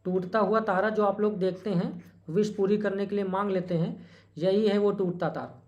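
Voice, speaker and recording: A teacher giving an exam-prep lecture who repeats key terms, asks rhetorical questions and corrects small slips with a quick apology. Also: mid-range voice, fairly even intonation, a little mellow, highs cut off.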